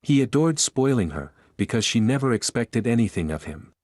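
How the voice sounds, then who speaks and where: A man narrating an audiobook romance in a steady storytelling delivery. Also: mid-range voice, normal speed, no room sound, studio quality. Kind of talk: scripted narration.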